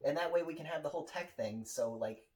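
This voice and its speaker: A man casually and eagerly pitching a movie idea in comic banter, swearing and acting out bits. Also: fast, darkish tone, recorded from a distance. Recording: off-mic, background noise.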